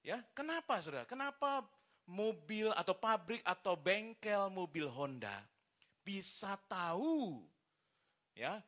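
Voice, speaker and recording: A man preaching, telling stories with a lot of energy. His voice sits a bit high and sounds bright, and he keeps turning to speak to the congregation. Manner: lively storytelling, often addresses the congregation. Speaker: pastor. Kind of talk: sermon. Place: church service.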